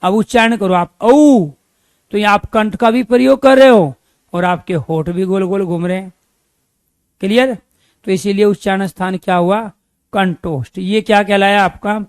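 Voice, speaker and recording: A man giving an exam-prep Hindi grammar lecture, drilling students with repeated questions and stretching out key terms slowly. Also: high-pitched, no echo.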